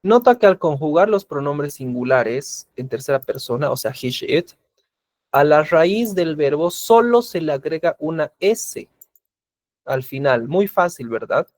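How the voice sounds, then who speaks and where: A man gives a recorded class lecture, slow and patient, repeating each example and quizzing his students. His voice sits a little high for a man. The sound is dry and close, with no room echo. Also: expressive. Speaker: English teacher.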